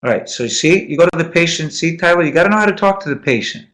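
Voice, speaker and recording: Animated man lecturing a class. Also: a little high, fast. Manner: animated, quizzing students, repeating key points. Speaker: medical lecturer. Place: lecture room.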